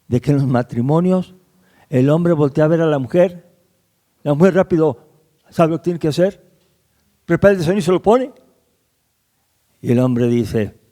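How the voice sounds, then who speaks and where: A man, a pastor preaching a sermon, asking the congregation rhetorical questions and rising in pitch on key words. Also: dark tone.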